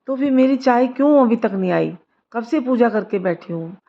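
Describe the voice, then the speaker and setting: A woman's voice: on the high side, animated, normal speed, muffled recording. A woman voicing a grumbling, scolding old mother-in-law in a read-aloud story. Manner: nagging, shouting complaints.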